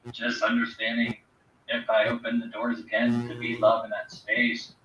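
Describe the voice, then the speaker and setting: A man on a video call shares personal reflections, pausing as he searches for words. He sits well back from the mic in a roomy space. Faint ambient noise hangs behind him. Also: medium pitch, completely flat delivery, pushed and bright, recorded from a distance. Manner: reflective, hesitant. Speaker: group participant. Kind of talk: personal sharing.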